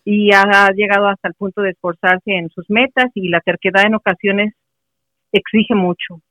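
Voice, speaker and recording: A woman's voice: medium pitch, fairly even intonation, normal speed, a bit bright, no echo. A middle-aged woman from Mexico City, a guest in a casual interview, speaking earnestly and encouragingly. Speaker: interview guest, mother of a player. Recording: muffled, dry recording.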